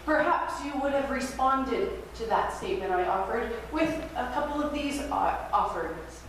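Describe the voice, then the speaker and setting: A woman pastor preaching a sermon at a pulpit microphone in a church sanctuary, in a gentle, reflective way that invites listeners to practice. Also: high voice, expressive, moderate pace. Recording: very echoey church hall, distant mic, faint hiss.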